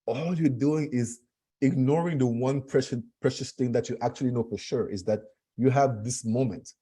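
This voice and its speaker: A man's voice: medium pitch, moderate pace, warm tone, breathy edge. A man from Cameroon speaking as a guest, earnest and emphatic, often repeating his phrases. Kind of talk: conversational talk.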